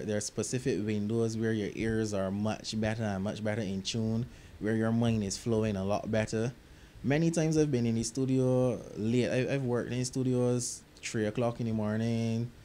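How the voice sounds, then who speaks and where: A lowish male voice belongs to a young Barbadian music producer speaking casually and thoughtfully about his work in an interview. Recorded in a studio with slight background noise, he slips into local grammar now and then.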